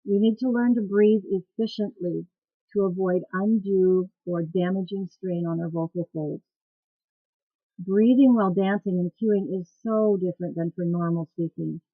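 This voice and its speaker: Speaking at normal speed in a husky, fairly low voice with no echo, a woman coaches dance cueing instructors on caring for their voices. Her tone is plain and practical, and the webcam recording sounds tinny, almost like a phone.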